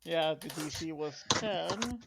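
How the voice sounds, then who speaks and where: A man running a tabletop role-playing game as game master, thinking aloud in an unhurried way. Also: a little high, expressive, vocal fry, heavy background noise.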